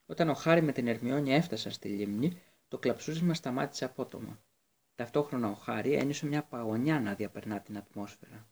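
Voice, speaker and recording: A man narrating an audiobook in a steady reading voice, with occasional slips and restarts. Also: mid-range voice, husky.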